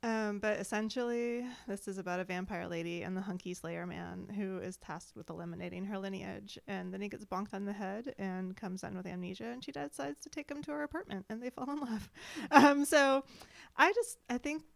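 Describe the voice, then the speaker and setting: A woman's voice: mid-range voice, a little fast, creaky, few pauses, no room sound. A woman co-hosting a podcast, chatting casually and wryly about books she read. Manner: wry, chatty, swears casually. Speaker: podcast co-host. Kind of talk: casual book chat.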